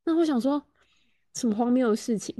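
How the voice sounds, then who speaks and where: A woman's voice: a little high, fairly quick, mellow, no echo, clean studio sound. A woman with a Taiwanese Mandarin accent, co-hosting a casual podcast and complaining in a chatty way. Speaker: podcast co-host. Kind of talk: casual chat.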